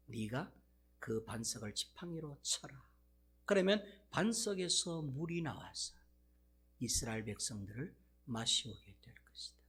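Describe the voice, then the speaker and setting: A male pastor speaking as God giving calm, measured instructions to Moses. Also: mid-range voice, breathy edge, exaggerated voice.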